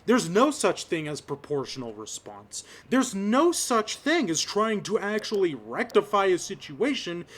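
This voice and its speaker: A man's voice: sits high, big pitch swings. A young man from Las Vegas giving an impassioned personal commentary, choked up at times and rising to angry outbursts. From Las Vegas, Nevada. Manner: slow, impassioned, rising to shouts of anger. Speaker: vlogger.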